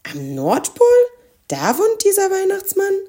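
A giant of frost with a big, thundering, dry voice, loud and pitched up, from a children's storybook, as a woman puts him on. He calls out in big excited bursts. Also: a little slow, full character voice. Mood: puzzled. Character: huge shy-hearted male frost giant, booming. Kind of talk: storybook character voice.

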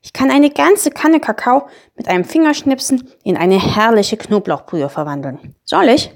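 A woman's voice: fairly high pitch, expressive, moderate pace, gravelly, pitched above the performer's own voice. A woman voicing a small, sad young grumpy magic creature in a storybook reading, plaintive and sighing. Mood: chatty.

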